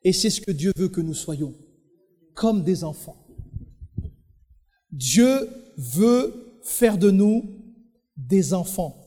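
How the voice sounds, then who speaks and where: A man's voice: high voice, lively intonation, slow, long pauses, dark tone. A male pastor with a French Caribbean accent preaching a sermon, emphatic and storytelling as he addresses the congregation. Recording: long hall reverb.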